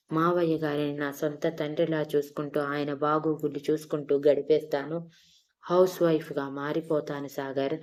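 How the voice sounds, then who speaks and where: A woman's voice: low voice, warm tone, close to an everyday voice. A woman voicing a young woman in love who pleads and scolds in an emotional way, in an audio story. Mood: pleading.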